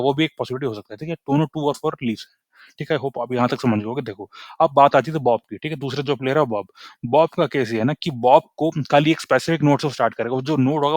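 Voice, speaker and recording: A man's voice: mid-range voice, no room sound, studio quality. A young man explaining a coding problem in a casual lesson, checking in constantly with his listeners. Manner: chatty, repeats "ठीक है?" after nearly every point. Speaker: coding tutor.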